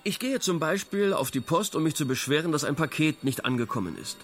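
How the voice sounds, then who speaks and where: In conversational radio play dialogue, an actor voices a wry male intellectual theorising about modern absurdity, eloquent, ironic, and somewhat pompous in a lecturing mood. His voice is slightly high, a bit bright, animated, and fairly quick, with soft music playing behind him.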